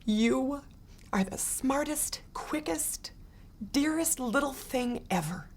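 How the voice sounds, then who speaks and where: A woman doing a gentle, wise old grandma. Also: high-pitched, expressive, slow, a little hiss or hum, pitched above the performer's own voice, exaggerated voice. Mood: tender. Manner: soft, tender, coaxing.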